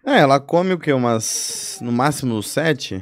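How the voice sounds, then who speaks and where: A man's voice: mid-range voice, expressive, a little slow. A young Brazilian man chatting casually at a microphone in a podcast studio. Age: young adult. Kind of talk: casual chat. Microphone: boom-arm podcast microphone.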